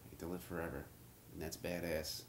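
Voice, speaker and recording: A man's voice: low-pitched, level tone, fairly quick, slight background noise. A man acting in comedy outtakes, improvising and reworking his lines with coarse language. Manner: profane, repeats lines with new endings. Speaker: actor recording comedy outtakes. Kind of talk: comic dialogue takes with improvised riffing.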